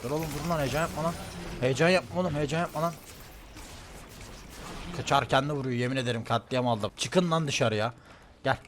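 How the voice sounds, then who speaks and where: A male streamer giving live, excitable commentary on his own gameplay, often shouting and repeating words in quick bursts. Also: mid-range voice, slight background noise.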